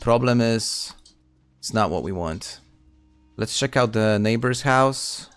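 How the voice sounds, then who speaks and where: A man's voice: medium pitch, takes it slowly, a bit bright, smooth, dry recording, faint music behind. A man casually commenting on his gameplay stream, chatting with viewers and often restarting words.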